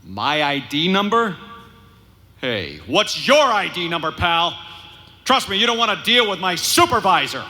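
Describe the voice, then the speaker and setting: A man's voice: high voice, very animated, unhurried, bright, forceful tone, full character voice. A man playing a cocky, impatient smuggler pilot with a wry, sarcastic, offhand delivery in a live space-opera audio drama. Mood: bluffing. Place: live convention stage.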